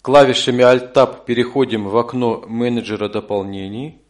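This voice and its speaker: A man narrating scripted step-by-step instructions as an audio course instructor, measured and neutral. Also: medium pitch, steady tone.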